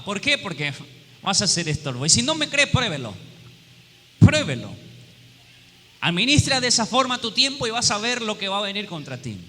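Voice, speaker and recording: Bright, lively preaching man in a church. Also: very high-pitched. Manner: call-and-response questions to the congregation; humorous, acts out little quoted scenes. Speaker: pastor. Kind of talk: sermon. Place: church hall. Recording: long hall reverb with faint room noise.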